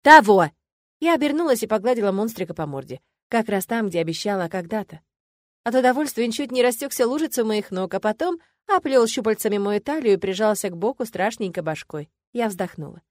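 A woman narrating a first-person fantasy audiobook in an expressive, lively way. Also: mid-range voice, quick pace, no echo, studio quality. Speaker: audiobook reader.

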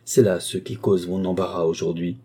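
For an audiobook, a man voices a sly, deferential adult valet who speaks ceremoniously and at great length. His voice is deep, mellow and slightly rough, with little pitch movement, at a normal speed.

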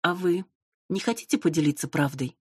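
A calm, ironic policewoman witch, as a woman reads her, low and husky. Curt phrasing in a dry, close audiobook recording. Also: brisk, dry recording. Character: dry, sharp-tongued policewoman witch, middle-aged.

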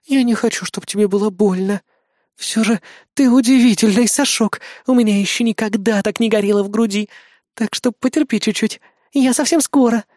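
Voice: mid-range voice, moderate pace, darkish tone, no room sound, voice pushed up, lightly acted. A reader voicing Vika, a predatory young woman who taunts and teases in a raised voice in a dry-sounding storybook reading. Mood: teasing.

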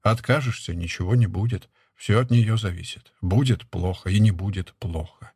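Male literary narrator, husky, mid pitch, steady and measured. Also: no echo, clean studio sound.

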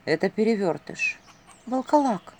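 A woman voicing a shy but earnest young maiden heroine, speaking up brightly. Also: medium pitch, expressive, a little slow, slight background noise.

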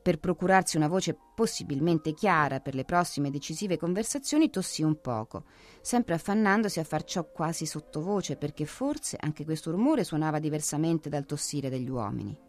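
A woman with a low-pitched voice narrates a classic novel. Her reading is steady and expressive, and faint music plays behind her. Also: normal speed. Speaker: audiobook narrator.

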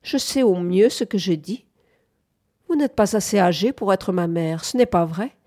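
A woman reading the part of a young farmhand who presses his proposal in a tender, quick, insistent way. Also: medium pitch, lively intonation, darkish tone, close to an everyday voice. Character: young farmhand man, softly insistent suitor.

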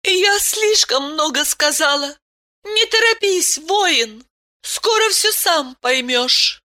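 A woman reading an audiobook, voicing a tender, teasing otherworldly young wife who coos softly and playfully. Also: high voice, expressive, slow pace, voice pushed up, full character voice. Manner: soft cooing, playful.

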